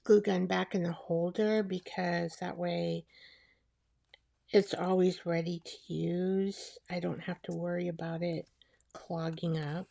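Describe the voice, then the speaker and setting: A woman chatting casually as she makes a collage, rambling and talking to herself while she glues, her voice soft and sometimes dropping to a whisper. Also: lowish voice, flat delivery, slow, vocal fry. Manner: soft-spoken, drifting into whispers. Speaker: collage artist. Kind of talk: casual crafting narration.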